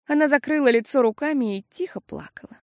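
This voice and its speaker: A woman narrating a children's audiobook in an expressive, measured storytelling manner. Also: high voice, dry recording, studio quality.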